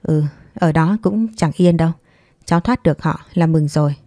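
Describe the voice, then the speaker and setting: Give me a kindly middle-aged aunt in a storybook reading, voiced by a woman. She speaks in a plain, sympathetic way. Her voice is low and warm, recorded dry. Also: normal speed, no room sound.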